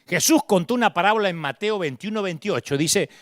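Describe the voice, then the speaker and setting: A man's voice: high voice, animated, a little fast, dry recording, studio quality. A middle-aged man with an Argentine accent preaching a sermon, dramatic and acting out the voices of the people he quotes. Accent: Rioplatense Spanish. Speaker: pastor.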